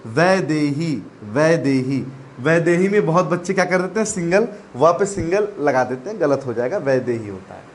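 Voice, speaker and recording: A man teaching a spelling lesson to exam students, repeating each word slowly and calling his listeners "children". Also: fairly high pitch, lively intonation, a little hiss or hum. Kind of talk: classroom-style spelling lesson.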